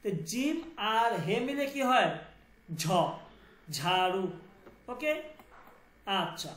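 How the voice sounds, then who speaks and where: A man's voice: very high-pitched, big pitch swings, slow, a bit bright, reverberant. A man teaching a language class, repeating each sound and asking students to confirm.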